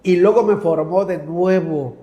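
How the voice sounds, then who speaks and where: Male TV preacher, high voice, reads Bible passages, fervent asides, calls listeners brother. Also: measured pace, dark tone, highs cut off.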